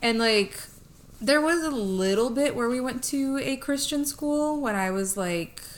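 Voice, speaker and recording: A woman's voice: a little high, animated, unhurried. A young woman from the Chicago area co-hosting a podcast in casual chat, talking loosely with lots of "like" and casual swearing. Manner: chatty, swears freely, many "like" fillers. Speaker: podcast co-host.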